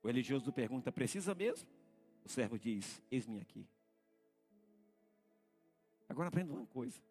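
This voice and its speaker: A man with a Brazilian Portuguese accent, a senior pastor preaching a live church sermon, repeating phrases and calling out to the congregation as he builds to shouted peaks. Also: medium pitch, sing-song, moderate pace, soft background music. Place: church sanctuary.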